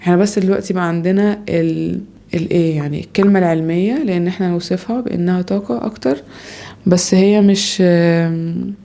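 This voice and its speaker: A woman's voice: on the low side, steady tone, fairly quick, creaky, dark tone. A young woman with an Egyptian accent, talking to her podcast listeners at home in a rambling, reflective and self-doubting way. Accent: Egyptian Arabic. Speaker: podcaster, mother. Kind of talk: casual personal monologue.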